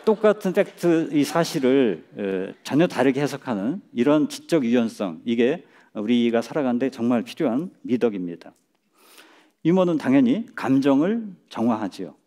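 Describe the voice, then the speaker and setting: Mellow-voiced man giving a lecture. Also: mid-range voice, very animated. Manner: measured, chuckles at his own jokes. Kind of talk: public lecture. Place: lecture stage before an audience.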